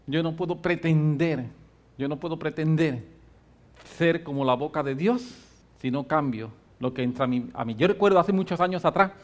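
Pastor preaching, high voice, goes loud then soft, drags out words to hit them. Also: male voice. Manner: fervent preaching with slow emphatic stresses and swings in loudness. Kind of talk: sermon.

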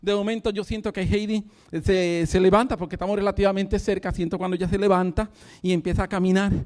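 A man's voice: high voice, level tone, quick pace, a little mellow. A man preaching a sermon, telling a story with fervent energy and breaking into laughter. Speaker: pastor.

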